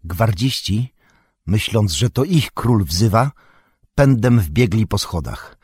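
A man narrating a fantasy audiobook in a steady, measured way. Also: lowish voice, husky.

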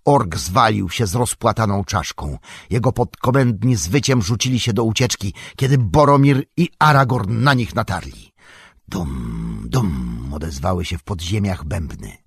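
A man reading an epic fantasy audiobook with dramatic, measured storytelling. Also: on the low side, expressive, creaky, breathy edge, dry recording, clean studio sound. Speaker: audiobook narrator. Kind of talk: scripted narration.

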